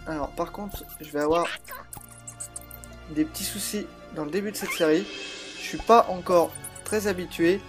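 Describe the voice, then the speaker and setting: Man with a slightly altered voice. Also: high voice. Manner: chatty, explains while playing, frequent hesitations. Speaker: let's play host. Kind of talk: casual gameplay commentary. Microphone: laptop built-in microphone.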